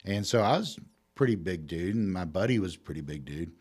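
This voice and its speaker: A middle-aged man tells a long story on a podcast, his voice sitting low. He rambles and swears freely, with an animated storyteller's drive. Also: brisk, slightly rough. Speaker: podcast guest. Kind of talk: casual storytelling.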